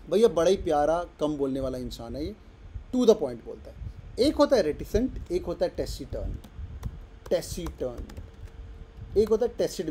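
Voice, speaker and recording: A man's voice: a little high, warm tone, slight background noise. A man teaching vocabulary in an online class, playful and teasing, switching between explanation and little skits of his students.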